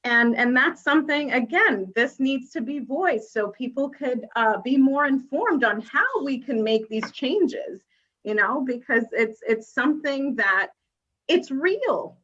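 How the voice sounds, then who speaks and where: A woman's voice: high voice, animated, a little slow, pushed and bright, dull audio. A woman from the Dominican Republic leading a panel discussion, speaking hesitantly with many fillers and restarts.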